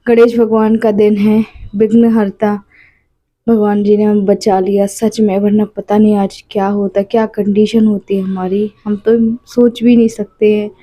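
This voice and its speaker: A woman's voice: medium pitch, level tone, a little slow, dark tone, no room sound. A woman in her late twenties, chatting casually in a home vlog and telling her story at length with small repeats. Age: 20s. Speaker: vlogger and mother.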